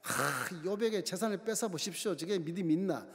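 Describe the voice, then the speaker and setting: A man's voice: sits high, expressive, fairly quick. A man voicing the devil as a scheming accuser who sneers and wheedles. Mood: sly. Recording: long church hall reverb.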